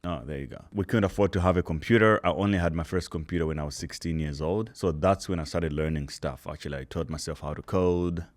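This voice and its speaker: A man, a guest telling his story in a relaxed, casual interview chat. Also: deep voice, fast talker, hardly any pauses. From Malawi. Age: 30s.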